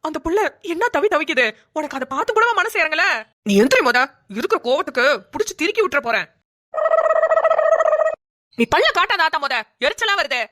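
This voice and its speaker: A woman voicing a scolding, sharp-tongued village neighbor in a cartoon. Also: high-pitched, very animated, brisk, heavily acted. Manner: scolding, rustic. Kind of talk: cartoon voice acting.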